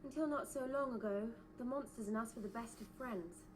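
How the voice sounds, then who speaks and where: A woman's voice: on the high side, brisk, a little hiss or hum, close to an everyday voice, low-quality recording. A woman voicing an earnest young heroine in a video game, with a plain, sincere manner. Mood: troubled.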